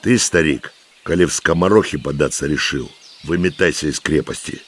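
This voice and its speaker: A man voicing a gruff, stern military commander in an audiobook, with music behind. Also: very deep voice, normal speed, fairly bright tone. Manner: barking, commanding.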